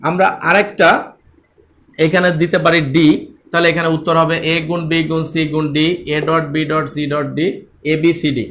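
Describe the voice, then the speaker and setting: A man's voice: fairly high pitch, level tone, moderate pace, a bit bright. A man teaching an online class in a Bangladeshi Bengali accent, repeating key points and speaking straight to his students.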